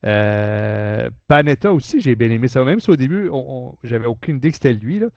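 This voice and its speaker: A podcast host with a Quebec French accent leads a casual, colloquial chat reviewing books and audio dramas. His medium-pitched voice is expressive, a little fast and darkish, in lo-fi audio with no room sound.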